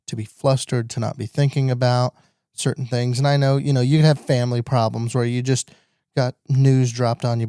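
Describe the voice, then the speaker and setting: A young man co-hosting a parenting podcast in casual chat, talking in animated, incredulous bursts. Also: mid-range voice, no room sound, clean studio sound. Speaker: podcast co-host.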